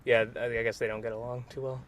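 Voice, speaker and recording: Young man, casual podcast chat, rapid pace, hesitant, laid-back, faint background hum. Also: mid-range voice, little pitch movement. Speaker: podcast guest.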